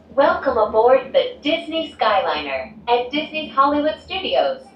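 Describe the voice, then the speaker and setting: A woman giving a polished, upbeat recorded announcement that plays over a cabin loudspeaker. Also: fairly high pitch, distant mic, slight background noise. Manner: polished, upbeat tour-guide delivery. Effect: played over a loudspeaker. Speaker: transit announcer. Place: gondola cabin. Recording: dull loudspeaker playback, echoey cabin, off-mic.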